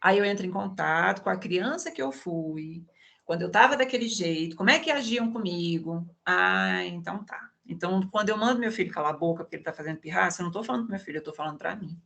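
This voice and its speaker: A woman's voice: on the low side, fast, gravelly, a bit bright. A woman psychologist in an online conversation, explaining with everyday examples and frequent tag questions over a video call.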